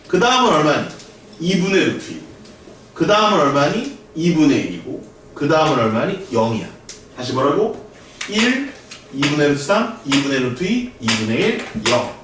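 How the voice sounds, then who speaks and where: A man teaching math to a class, drilling students with call-and-response in a lively lecture. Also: on the high side, recorded from a distance. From Korea. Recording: echoey room recorded from afar, noisy.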